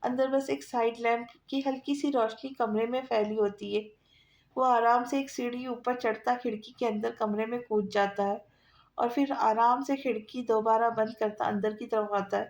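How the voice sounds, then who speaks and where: A woman narrating a romance novel aloud in a steady storytelling manner. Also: a little high. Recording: echoey room.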